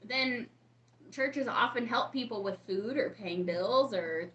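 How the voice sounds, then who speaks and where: A woman's voice: a little high, slow pace, fairly bright tone, muffled recording, slight background noise. A woman co-hosting a casual live stream, chatting and greeting viewers from the chat. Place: room in a home. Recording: roomy echo.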